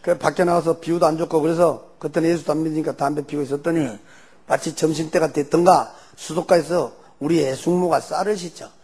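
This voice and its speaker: Gravelly older man, Jeolla accent. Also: fairly high pitch, brisk. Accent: Jeolla Korean. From Jeolla region, Korea. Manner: animated storyteller, loose and folksy. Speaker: church elder giving testimony. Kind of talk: personal testimony storytelling.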